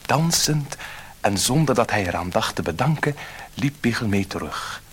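A man narrating a children's storybook in a lively, expressive way. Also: lowish voice, normal speed, breathy edge.

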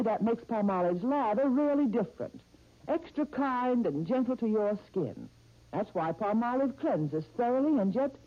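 A woman reading a 1930s radio soap commercial in a coaxing, intimate sales tone, heard as an old radio broadcast. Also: medium pitch. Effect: old radio broadcast sound. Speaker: commercial announcer. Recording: dull old radio recording.

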